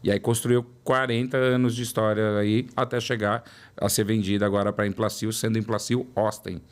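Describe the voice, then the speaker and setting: A paulistano product development director appears as a guest in an interview conversation, telling stories and repeating words for emphasis. His lowish voice has little pitch movement and a moderate pace, with a São Paulo Portuguese accent.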